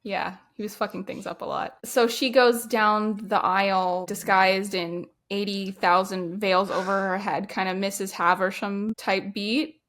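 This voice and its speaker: A woman's voice: mid-range voice, fairly even intonation, unhurried, few pauses, a bit bright. A woman co-hosting a podcast, casually and animatedly retelling movie scenes. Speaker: podcast co-host. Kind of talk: casual chat.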